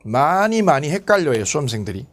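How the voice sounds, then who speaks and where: A man teaching an exam-prep law class, asking quick questions and answering them himself. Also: a little high, a little hiss or hum. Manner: animated, asks and answers his own questions. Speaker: lecturer.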